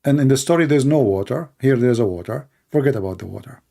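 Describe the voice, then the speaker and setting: Sarcastic man, mellow voice. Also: medium pitch, expressive, fast, creaky. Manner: mocking, sarcastic. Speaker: video host. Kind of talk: comedic commentary.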